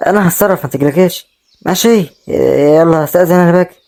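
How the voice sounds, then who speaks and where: In a web drama, a man speaking with an Egyptian accent voices a proud, kind brother who has lost everything, fast and reassuring as he tells his sister not to worry. His voice is a little high and a little mellow, close to an everyday voice.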